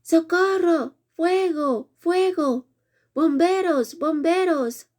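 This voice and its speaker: A woman's voice: extremely slow, a little mellow, heavily acted. A woman voicing a giggly teenage girl who shrieks and teases in an exaggerated way in a storybook reading. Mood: shrieking. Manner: shrill, exaggerated teasing.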